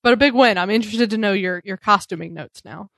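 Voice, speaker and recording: A woman's voice: medium pitch, fast talker, a bit bright, no room sound, studio quality. A woman co-hosting a podcast, talking casually with a lot of "like" and frequent laughter. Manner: chatty, laughs often, many "like" fillers. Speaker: podcast co-host reviewing sketch comedy. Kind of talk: casual chat.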